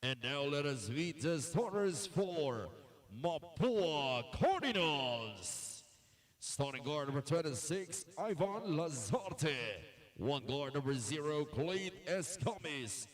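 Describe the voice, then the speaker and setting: A man's voice: fairly high pitch, expressive. A man making a formal arena announcement, introducing starting lineups. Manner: slow, measured announcer cadence. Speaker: game announcer.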